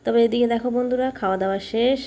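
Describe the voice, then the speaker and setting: A woman's voice: on the high side, steady tone, racing, dark tone, a little hiss or hum. A woman chatting casually to her viewers as she films a home vlog on a phone camera. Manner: chatty, friendly, often addresses viewers as friends. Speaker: home vlogger.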